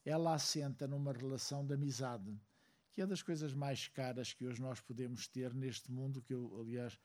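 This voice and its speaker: A man from Angola speaks to a seated audience in a measured, reflective way, pausing often to find his words. His voice is mellow and dark, and his pitch sits in an ordinary middle range. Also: steady tone. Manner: reflective, measured, many hesitations. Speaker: speaker at a book launch.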